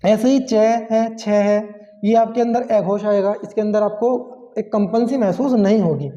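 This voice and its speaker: A man's voice: high voice, normal speed, warm tone. A man teaching a grammar lesson, explaining step by step and asking and answering his own questions. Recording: dull sound with long hall reverb.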